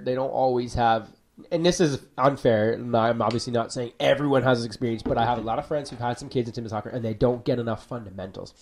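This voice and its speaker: A young man hosts a casual church podcast chat in an upbeat, slangy way. His voice sits at an ordinary pitch for a man. He talks easily and loosely with his co-host. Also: darkish tone. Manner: slangy and upbeat, says bro and wicked.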